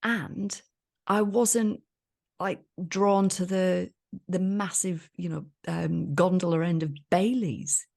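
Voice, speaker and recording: Lady cohost, super low gravelly voice, jokey and upbeat. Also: fairly even intonation, takes it slowly, a little mellow. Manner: jokey, enthusiastic. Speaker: podcast co-host. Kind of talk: casual chat.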